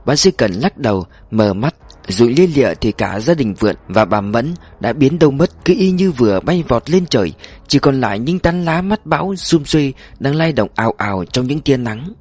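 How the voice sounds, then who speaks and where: A man narrating a story in a measured audiobook style, slowing down for emphasis. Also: mid-range voice, lively intonation, a little mellow, husky.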